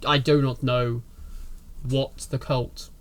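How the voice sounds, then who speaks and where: A man's voice: medium pitch, level tone, slow pace, natural voice. A man voicing a frightened, fawning middle-aged nobleman in a tabletop game, talking with nervous, stammering politeness.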